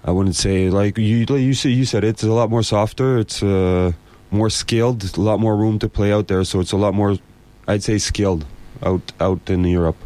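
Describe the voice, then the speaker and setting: A man's voice: lowish voice, fairly even intonation, normal speed, a little mellow. A man giving casual, plain-spoken interview answers as a sports guest, often repeating his phrases.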